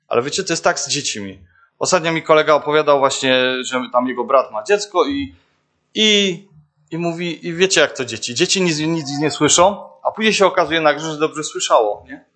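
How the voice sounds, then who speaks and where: Young guy preaching kinda casual, lots of umms and restarts, voice a bit high. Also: a bit bright. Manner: hesitant, many fillers and restarts, addresses listeners directly. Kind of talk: informal sermon.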